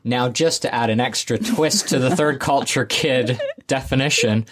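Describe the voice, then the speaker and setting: A man's voice: mid-range voice, unhurried, background noise. A man hosting an interview, guiding with questions and recapping each point. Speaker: interview host. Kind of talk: conversational interviewer.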